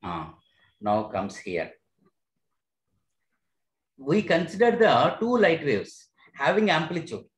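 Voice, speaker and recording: A man's voice: fairly high pitch, very animated, slow, pauses often. A man with an Indian accent teaching physics, explaining step by step and checking that he is followed. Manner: checks understanding with short questions. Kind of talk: online lesson, explaining a derivation step by step. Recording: roomy, echoey sound.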